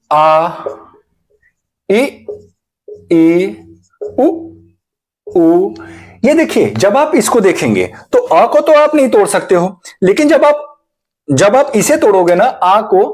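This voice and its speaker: Male teacher, high voice, slow delivery; poses questions and answers them himself, repeats terms for emphasis. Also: a little mellow. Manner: addresses viewers as friends. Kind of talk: exam-prep Hindi grammar lesson.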